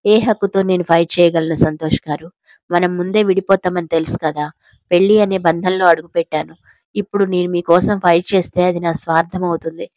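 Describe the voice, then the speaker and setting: A slightly hoarse woman voicing a gentle, self-sacrificing young wife in an audio story, speaking softly and pleadingly. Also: on the low side, fairly even intonation, fast talker, no room sound, dull audio, natural voice.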